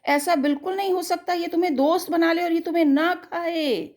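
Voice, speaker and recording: A woman voicing an urgent female character who warns jungle animals in a rapid, insistent way, told as a children's story. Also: very high-pitched, steady tone, a little mellow, voice pushed up. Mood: alarmed.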